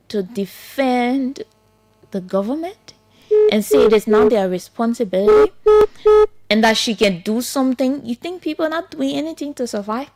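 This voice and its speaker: An earnest Liberian woman hosting a morning talk radio show. Her voice sits a little high, and she presses each point by repeating it. She talks to her listeners directly. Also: a little mellow. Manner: earnest, repetitive, pleading. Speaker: radio host and journalist.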